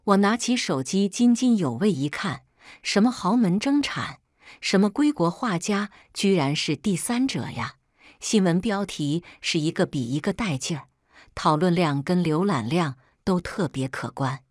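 A woman narrates a first-person story in a lively, cheeky manner. Her pitch swings widely, her voice sits fairly low, and the sound is close and dry. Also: unhurried, dry recording.

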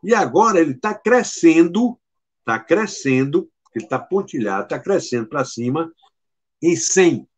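A man with a husky, breathy voice that sits high for a man hosts a casual live stream. He talks in a chatty, teasing way, greets viewers one by one and laughs easily. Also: lively intonation. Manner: chatty, greets viewers by name and reads their comments; teasing and playful, quick to laugh.

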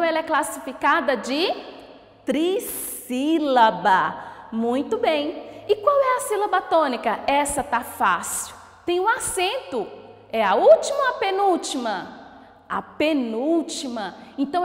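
A Brazilian woman teacher giving a recorded lesson to children, slowly sounding out words syllable by syllable and asking encouraging questions. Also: high-pitched, sing-song. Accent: Brazilian Portuguese. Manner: slow, drawn-out syllable-by-syllable word pronunciation; encouraging, asks questions and praises. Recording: echoey room with long reverb.

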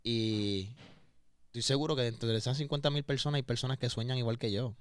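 A man's voice: medium pitch, a little fast, smooth, no room sound, clean studio sound. A man with a Puerto Rican accent, a singer guesting on a podcast, talking openly and emotionally, often repeating words as he searches for them. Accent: Puerto Rican Spanish. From Puerto Rico. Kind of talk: candid interview conversation. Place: podcast studio.

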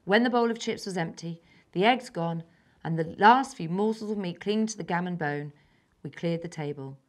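A woman's voice: fairly low pitch, normal speed, a little mellow. Young girl reading her own story. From England. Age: child, about 10.

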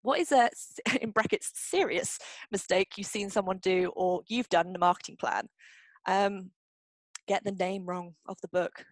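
A young woman runs a casual workshop Q&A, reading questions aloud and answering off the cuff. She speaks at a medium pitch, often repeats herself and restarts her sentences. The recording sounds dry and close, as if made on a webcam mic. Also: moderate pace, no echo, poor audio. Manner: chatty, repeats herself, frequent ums and restarts. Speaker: publishing marketing workshop host.

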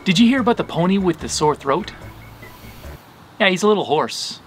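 A man in his thirties casually telling corny dad jokes to camera, pausing before each punchline. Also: high-pitched, lively intonation, soft background music. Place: outdoors against a house wall.

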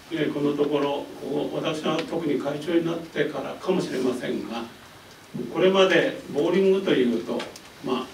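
An older man, president of an amateur sports association, giving a measured, formal press conference speech with frequent pauses. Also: a little high, a little hiss or hum. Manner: measured and formal, pausing with fillers. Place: indoor press conference room. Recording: roomy, mic a bit distant.

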